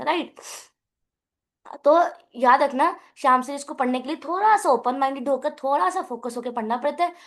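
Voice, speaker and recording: Female math tutor, high pitch, patient explanatory lecture, code-switching. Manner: explanatory, often checks if students follow; mixes English terms into Hindi. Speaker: math teacher. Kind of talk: classroom lecture.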